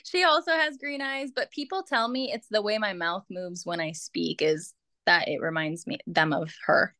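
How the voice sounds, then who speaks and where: A woman's voice: medium pitch, moderate pace, sharp tone, dry recording. A young woman with a Minnesota accent, chatting playfully as a podcast guest and laughing often.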